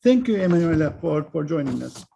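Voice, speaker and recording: A man's voice: on the high side, big pitch swings, a little fast, creaky, mellow, a little hiss or hum. A man hosting an interview, asking brief, polite questions with some hesitation. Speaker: interview host.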